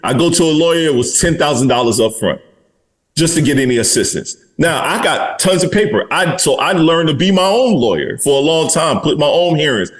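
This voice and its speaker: A man's voice: on the high side, lively intonation, brisk. Podcast host, man in his 40s, blunt and candid, casual delivery.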